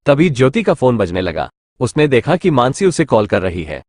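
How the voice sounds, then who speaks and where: A man's voice: mid-range voice, moderate pace, no room sound. A man narrating an audio novel in scripted storytelling, close to a dry mic. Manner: storytelling, expressive.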